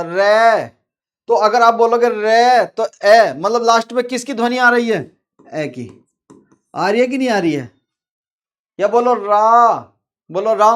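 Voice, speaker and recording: A man teaching a grammar lesson to pupils, slow and repetitive, drawing out sounds and asking his class questions. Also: very high voice.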